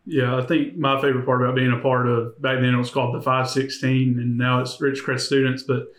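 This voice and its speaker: A man's voice: medium pitch, flat delivery, a little fast, fairly bright tone. A 21-year-old man on church ministry staff, speaking hesitantly with many ums and uhs on a podcast. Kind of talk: casual podcast conversation. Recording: echoey room.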